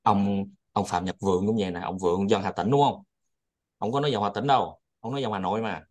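A man's voice: fairly low pitch, steady tone, fast, darkish tone. A man hosting a study group, chatting casually and rambling, often repeating his words.

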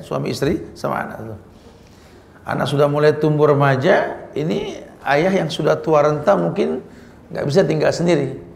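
A man preaching an Islamic sermon, animated and rising to emphatic peaks. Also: a little high, gravelly. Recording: echoey hall.

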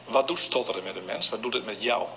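A man interviewing guests on location in a café for a morning radio show, asking brisk, direct questions. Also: on the low side, sharp tone, slight background noise.

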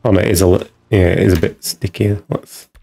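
A man's voice: sits low, fairly even intonation, a little fast, gravelly, mellow. A man giving casual, musing commentary while streaming a video game, talking half to himself as he tinkers with settings.

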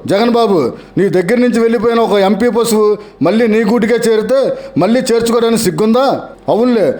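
A man's voice: extremely high pitch, a little mellow. A man narrating scripted political commentary in a sarcastic, mocking tone, repeating taunts.

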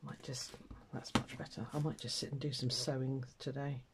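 A bass-voiced older Englishwoman, nose stuffed from a cold, talks briskly with little pitch movement as she packs sewing kits for her craft channel. Only her hands appear, shot from overhead at an indoor table. She keeps up casual, self-deprecating chat with viewers while working, and background noise is audible.

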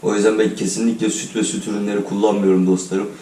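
Guy doing a chill vlog, deep voice, bit robotic like he's been sick, echoey room. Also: level tone, fast talker, dark tone. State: slightly robotic-sounding voice from a recent illness. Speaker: vlogger. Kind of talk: casual vlog chat to viewers. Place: indoors in a holiday flat, at table and kitchen. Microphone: camera on a tripod, some distance away. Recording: roomy echo, distant mic, music underneath. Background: music.

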